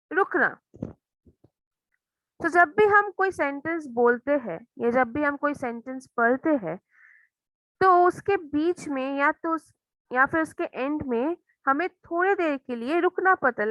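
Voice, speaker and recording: Indian woman schoolteacher, bright voice, unhurried classroom explanation, dry sound. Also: high-pitched, dry recording, muffled recording. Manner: explains slowly in English, then switches to rapid Hindi. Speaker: school teacher.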